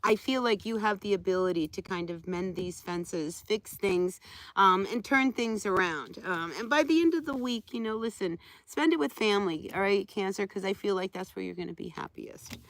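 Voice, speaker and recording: A woman's voice: mid-range voice, animated, normal speed, rough recording. A woman giving a live tarot reading outdoors, talking to viewers in a conversational, familiar way. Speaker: tarot reader hosting a live stream.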